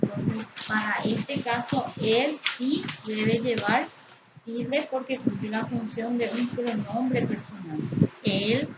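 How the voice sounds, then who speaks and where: Slow, careful woman teacher, echoey lo-fi. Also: on the high side, steady tone. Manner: slow, careful, stresses syllables to demonstrate. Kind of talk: spelling lesson. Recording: echoey, muffled, noisy lo-fi.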